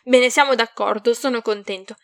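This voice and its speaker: A dazed, drunk teenage boy wizard, as a woman reader puts him on, slurring and rambling into a phone in a storybook reading. His voice sits fairly high and is delivered loudly. The sound is dry and close. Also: moderate pace, no room sound. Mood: drunken.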